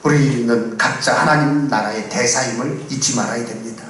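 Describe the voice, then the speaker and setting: Male pastor, sermon; exhorting, loud peaks and soft asides; distant mic in a reverberant church. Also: moderate pace, a little hiss or hum. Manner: swings between loud emphatic declarations and quiet low asides; solemn, exhorting cadence with repeated benedictions. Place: church sanctuary. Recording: very echoey hall, mic far off.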